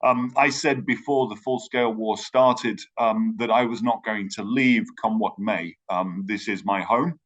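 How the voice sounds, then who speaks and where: A man's voice: lowish voice, steady tone, unhurried, few pauses, fairly bright tone, highs cut off. A man from Ireland with a British accent, giving a remote conference talk, hesitant with many fillers and restarts. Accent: British English. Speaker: conference speaker. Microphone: video call.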